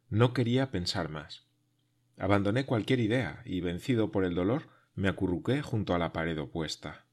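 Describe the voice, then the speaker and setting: A man reading a first-person adventure story aloud, in a measured, dramatic way that sinks to hushed tones. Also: low-pitched. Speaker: audiobook narrator. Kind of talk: first-person literary narration.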